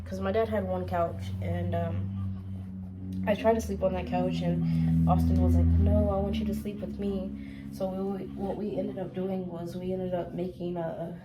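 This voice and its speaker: A woman's voice: on the low side, background noise. A young woman telling a personal story to her viewers in a casual, rambling way, full of "um" and "like". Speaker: storytime vlogger.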